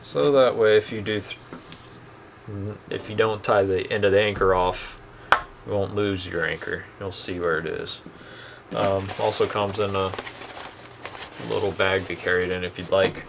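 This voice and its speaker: Low-voiced young man demoing gear. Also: moderate pace, gravelly, pauses often, noisy background. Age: young adult. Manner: relaxed, plain-spoken, many ums. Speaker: channel host reviewing boat anchors. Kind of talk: casual product demo. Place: dim indoor room at home.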